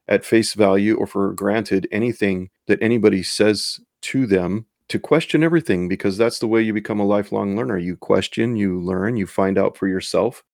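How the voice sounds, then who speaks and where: Gravelly, hoarse man. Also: lowish voice, darkish tone, no echo, clean studio sound. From United States. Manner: earnest, rambling, with frequent restarts. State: hoarse after losing his voice. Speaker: podcast host and high school teacher. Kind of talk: solo commentary podcast.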